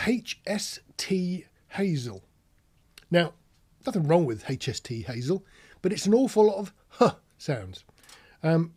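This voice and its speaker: Husky, dark, and fairly high-pitched, this British host talks informally through instructional examples. Working as a podcast host and radio instructor, he keeps it conversational, tosses in rhetorical tag questions, and spells words out.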